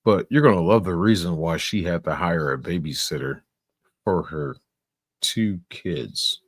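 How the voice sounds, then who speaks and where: A man's voice: sits low, unhurried, husky, no echo, clean studio sound. A man giving crude, sarcastic reaction commentary, mocking and swearing as he talks.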